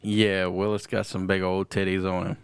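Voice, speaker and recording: A man's voice: sits low, completely flat delivery, moderate pace, creaky, smooth, no echo. A man co-hosting a casual podcast, recapping fights in a laid-back, profane, joking way. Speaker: podcast co-host.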